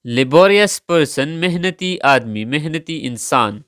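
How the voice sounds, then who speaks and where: A man teaching vocabulary at a very slow, deliberate pace. His voice is smooth and clear, and he repeats each word and spells it out letter by letter. The recording is dry and close, with no room sound. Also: fairly high pitch, lively intonation, a bit bright, dry recording.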